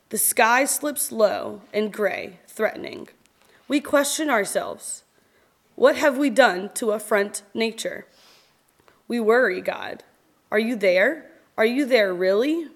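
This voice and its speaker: At a church service, a woman with a fairly high voice reads scripture and verse solemnly. She goes very slowly and measuredly, using expressive pauses.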